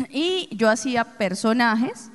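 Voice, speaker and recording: A woman's voice: fairly high pitch, lively intonation, slow. A Colombian woman in her forties, talking candidly in a casual chat. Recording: reverberant room.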